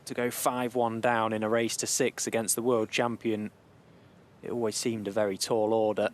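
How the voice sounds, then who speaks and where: A man giving hushed snooker commentary in measured, deliberate short phrases. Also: little pitch movement. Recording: faint background noise and rumble.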